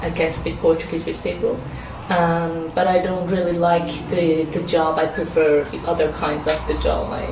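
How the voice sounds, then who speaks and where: A woman whose first language is Farsi answers speaking test questions as an exam candidate, hesitating with many fillers and restarts. Her voice is low-pitched and level at a moderate pace, picked up by a distant mic in a roomy space with clear background noise.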